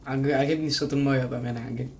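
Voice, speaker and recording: A young man with an Egyptian Arabic accent commenting on a horror game he plays, talking to himself and bursting out in panicky shouts. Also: mid-range voice, steady tone, rapid-fire, slight background noise. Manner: jumpy, panicky outbursts, talks to himself. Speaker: gaming YouTuber.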